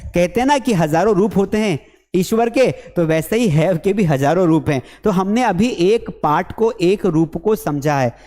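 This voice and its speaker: A man with a Hindi accent teaching spoken English at a board. He talks in a lively, playful way and keeps asking questions that he then answers himself. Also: high voice, normal speed, long reverb tail. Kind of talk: classroom lesson with a whiteboard.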